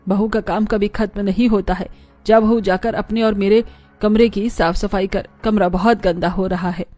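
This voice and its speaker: A man's voice: sits high, fairly even intonation, moderate pace, voice pushed up, lightly acted. A man voicing a stern, scolding middle-aged mother-in-law in a cartoon story. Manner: scolding, sharp. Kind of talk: cartoon voice acting.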